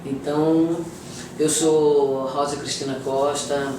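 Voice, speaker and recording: A woman's voice: low-pitched, level tone, takes it slowly. A middle-aged woman, a capoeira master reminiscing thoughtfully in an interview, with frequent restarts and tag questions. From Florianópolis, Brazil. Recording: very echoey room, distant mic, noisy background.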